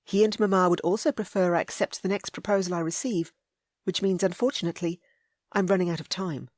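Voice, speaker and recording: A woman voicing an earnest, lovestruck young noble lady in a romance audiobook, eager and breathy. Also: on the low side, steady tone, a little fast, a little mellow, no echo, studio quality, lightly acted.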